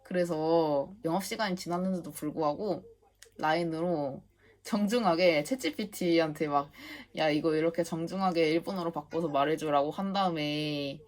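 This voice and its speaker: A young woman in her twenties from South Korea, telling a story in a casual vlog voice-over. Her voice sits low for a woman. She talks in a chatty, filler-heavy way and turns indignant, swearing as she retells the story. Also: moderate pace, a little mellow. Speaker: vlogger.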